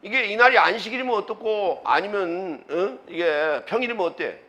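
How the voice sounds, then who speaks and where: A man pastor preaching a sermon, emphatic, with rhetorical questions and sudden loud bursts. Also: sits high, lively intonation, normal speed, muffled recording.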